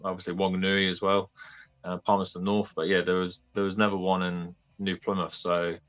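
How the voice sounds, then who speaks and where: Young kiwi bloke, deep voice, easygoing halting podcast chat, faint music behind. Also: male voice, little pitch movement, a bit bright, lo-fi sound. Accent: New Zealand. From New Zealand. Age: young adult. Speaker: podcast guest, toy fair organiser. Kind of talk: casual chat.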